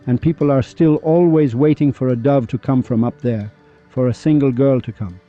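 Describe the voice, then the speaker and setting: A man's voice: medium pitch, moderate pace, soft background music. A man hosting a monologue podcast who tells dramatic stories in a rhetorical, preachy way, repeating lines for effect. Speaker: podcast host. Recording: slightly dull lo-fi recording.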